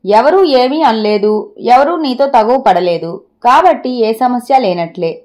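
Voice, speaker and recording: A woman's voice: on the high side, lively intonation, a little slow, darkish tone. A woman storyteller voicing an anxious, bewildered husband who pleads with his wife in a read-aloud audio story. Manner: worried, pleading questions. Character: anxious bewildered husband, middle-aged man.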